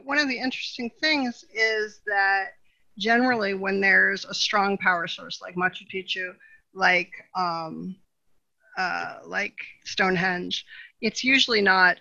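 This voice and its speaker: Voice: medium pitch, gravelly, bright, forceful tone, no echo, lo-fi sound. A podcast co-host in a casual, rambling chat, with many "you know" fillers and frequent laughter.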